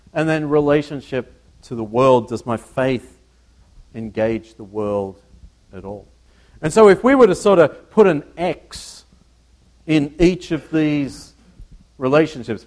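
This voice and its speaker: A man preaching a conversational sermon to a congregation, working through slides, often halting and repeating words and putting questions to his listeners. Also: medium pitch, darkish tone. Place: church.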